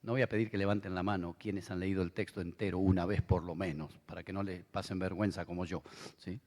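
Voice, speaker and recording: Speaking fast in a low, darkish voice with fairly even intonation, this middle-aged man preaches with an Argentine Spanish accent. He's a pastor delivering a conversational sermon with asides to the crowd, recorded in a large convention hall full of long reverb.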